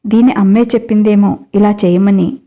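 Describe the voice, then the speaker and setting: A woman's voice: medium pitch, steady tone, normal speed, warm tone, close to an everyday voice. A woman voicing a spiteful young mistress who scolds a child. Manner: nasty, scolding.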